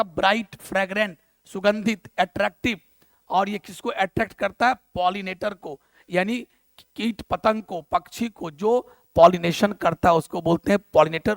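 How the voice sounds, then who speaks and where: A male biology teacher with a Bihari Hindi accent lectures in a high, gravelly voice. He keeps quizzing the class and answering himself, and his English terms fall in among the Hindi. The sound is dry and close, with no room around it. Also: a bit bright, no room sound. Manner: asks questions and answers them himself, mixing English terms. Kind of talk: classroom lecture on a mind map.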